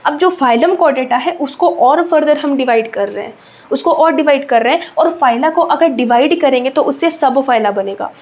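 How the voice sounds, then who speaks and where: High-voiced woman teaching a biology lesson. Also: a little mellow. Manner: repeats key terms slowly, checking in with "ठीक है?". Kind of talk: exam-prep biology lecture.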